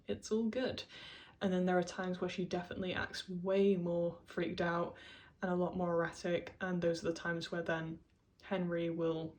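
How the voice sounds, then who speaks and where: Woman, casual video essayist; chatty, filler-heavy, laughs often, voice a touch low.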